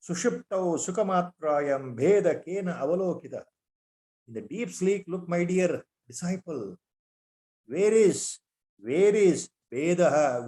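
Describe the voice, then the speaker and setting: A man's voice: a little high, a little mellow. A man with an Indian accent gives a spiritual discourse, reciting Sanskrit verses and asking repeated rhetorical questions. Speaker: spiritual teacher.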